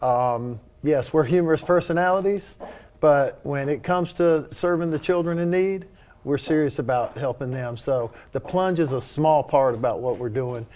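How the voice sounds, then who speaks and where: A man's voice: on the high side, moderate pace, a little mellow. A man speaking as a charity leader and interview guest, informal and earnest. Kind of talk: casual spoken interview.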